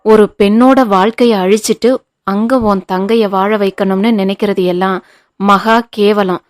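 Sharp tongued older mother in law, woman narrator doing her, scolding and blunt, storybook reading. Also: mid-range voice, steady tone, moderate pace, close to an everyday voice. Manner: scolding, cutting retorts. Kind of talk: audiobook dialogue reading.

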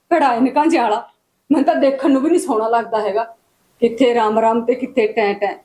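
A woman's voice: a little high, warm tone, natural voice. A woman playing a mother comforting her crying daughter and criticizing the match. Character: consoling mother doubting the match.

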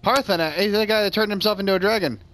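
A man's voice: high-pitched, fast talker, a bit bright, soft background music. A man hosting a casual let's play, joking and sarcastic as he talks over the game, swearing now and then. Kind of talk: casual gameplay commentary.

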